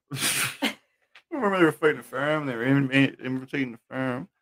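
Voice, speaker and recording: A man's voice: mid-range voice, moderate pace, a bit bright. A man co-hosting a casual chat show, rambling and stumbling over his words. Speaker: podcast co-host.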